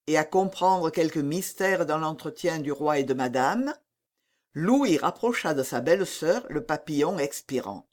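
Brief: woman audiobook narrator, slow, expressive, animated pitch, somewhat low voice. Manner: measured, expressive reading. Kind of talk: scripted narration.

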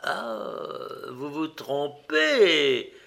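A man's voice: fairly high pitch, very animated, extremely slow, creaky, a bit bright, full character voice. A man voicing a self-assured Chaldean scholar who lectures in a pious, correcting tone. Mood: lecturing.

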